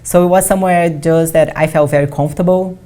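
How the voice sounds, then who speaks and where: Low-voiced young woman. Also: steady tone, fast talker, dark tone. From Brazil. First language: Portuguese. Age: 20s. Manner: earnest, often says "like". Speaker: guest athlete. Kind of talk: conversational interview. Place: studio.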